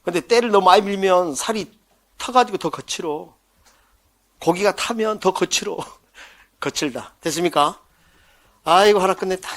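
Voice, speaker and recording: A male lecturer with a rather high voice runs an exam-prep class. He turns the material into jokey acted-out scenes for memorizing. He keeps throwing quick check questions at his students. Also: a bit bright. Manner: playful, jokes and mimics scenes for mnemonics; quizzes listeners with quick questions.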